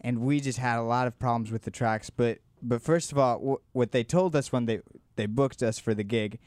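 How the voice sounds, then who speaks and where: A young man from Colombia, a guest musician, chatting easily in an interview with a smooth, resonant voice. He tells his stories loosely, full of "like" and small restarts, close to a dry mic. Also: mid-range voice, normal speed, no room sound. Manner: relaxed storytelling with many "like" fillers. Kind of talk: casual interview chat.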